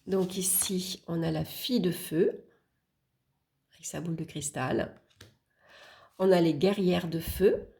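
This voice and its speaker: A woman's voice: on the low side, fairly even intonation, vocal fry. A woman presenting a tarot deck, unhurriedly naming the cards as she flips through them with small hesitations. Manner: unhurried, murmuring card names while flipping, with small hesitations; warm, admiring remarks about the artwork. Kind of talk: casual deck walkthrough.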